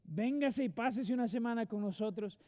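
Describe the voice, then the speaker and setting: A man's voice: very high voice, normal speed, warm tone. A male pastor preaching a sermon in a church, earnest and direct with his congregation. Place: church sanctuary.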